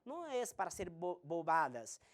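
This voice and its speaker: A woman teaching a recorded Spanish grammar lesson, slowly spelling out examples. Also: lowish voice, big pitch swings. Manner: slow, deliberate explanation with spelled-out examples.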